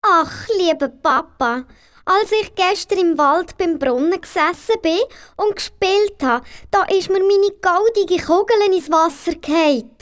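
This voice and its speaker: A woman's voice: extremely high pitch, a little slow. A woman voicing a spoiled young princess with a Swiss German accent, petulant and pleading.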